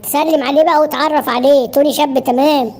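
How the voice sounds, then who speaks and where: A woman voicing a cheerful, excitable schoolboy classmate in a cartoon, chummy in an Egyptian Arabic accent. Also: sits high, fast talker, lightly acted. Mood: excited. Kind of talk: cartoon voice acting.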